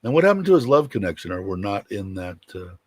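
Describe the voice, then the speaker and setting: A man with a deep, rumbling voice hosting a casual livestream, rambling and hesitant as he chats. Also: big pitch swings, quick pace, a little mellow, slightly rough, no echo. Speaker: host of a livestream show.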